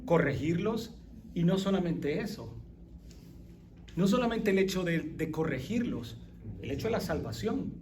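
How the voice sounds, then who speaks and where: A man leading an interactive sermon as pastor, animated, quizzing his listeners and dropping English phrases. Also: sits high, a little slow, pauses often, echoey room, far from the mic, a little hiss or hum. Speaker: pastor leading a Bible study.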